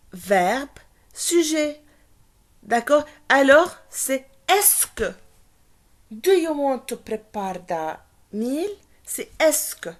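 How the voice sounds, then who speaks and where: A woman teaching French grammar, patiently explaining and switching between French and English, repeating the key words. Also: on the high side.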